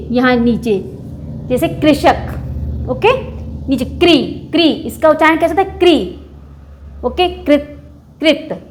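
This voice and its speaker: A woman teacher giving a Hindi alphabet lesson, patiently drawing out each sound and answering her own questions. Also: high-pitched. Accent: Indian Hindi speaker. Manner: asks the class questions and answers them herself.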